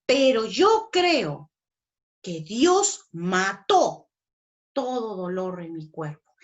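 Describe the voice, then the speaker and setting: A woman with a Peruvian Spanish accent teaches a sermon in an emphatic style. Her voice sits fairly high, and she acts out the inner voices of doubt and faith as she talks. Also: highs cut off. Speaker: preacher.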